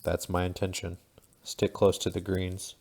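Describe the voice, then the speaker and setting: A man voicing a calm, cold male rebel leader who speaks quietly and evenly in an audiobook. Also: deep voice, creaky, heavily acted. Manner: quiet, measured, unhurried.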